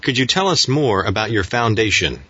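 A man's voice: fairly low pitch, lively intonation, normal speed, pushed and bright, breathy edge. A man hosting a radio interview, putting questions to his guest and announcing the show. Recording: dull lo-fi radio sound.

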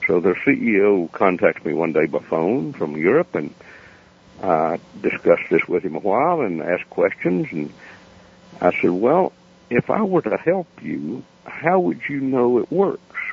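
A man with an Appalachian accent telling stories off the cuff as a radio interview guest, folksy, plain-spoken and unhurried. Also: sits low, big pitch swings, gravelly, a little hiss or hum. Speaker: interview guest, founder of a foundation. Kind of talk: unscripted storytelling in a radio interview. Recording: dull lo-fi radio interview sound.

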